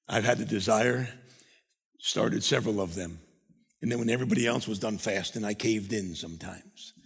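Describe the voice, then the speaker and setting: A man preaches a sermon in a church, his voice gravelly and a little husky. He builds in fervor and clears his throat often. The sound carries a long hall reverb. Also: on the low side, a bit bright. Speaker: pastor. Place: church sanctuary.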